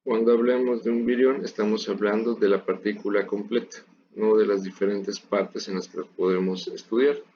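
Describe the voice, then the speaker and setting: Guy with a lowish voice lecturing students, calm and explanatory, dull muffled audio. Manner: measured, explanatory, addresses students directly. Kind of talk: recorded university lecture. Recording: dull lo-fi audio with faint noise.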